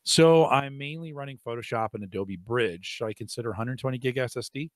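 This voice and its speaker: A middle-aged man hosts a casual tech podcast from a home studio room lined with shelves, talking into a boom-arm mic. Allergies leave him hoarse and raspy, and he rambles briskly with fillers and restarts over a dry recording.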